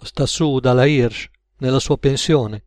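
Man as a calm counterman, matter-of-fact, dry close sound. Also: medium pitch, a little slow, no room sound, close to an everyday voice. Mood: steady. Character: calm young male diner counterman.

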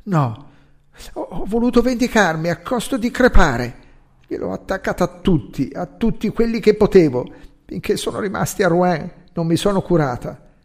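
A man reading aloud voices a dying young woman who is bitter and clinging, speaking softly and stammering. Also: sits high, expressive, slow, voice pushed up, exaggerated voice. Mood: vengeful. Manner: soft and murmuring, stammering.

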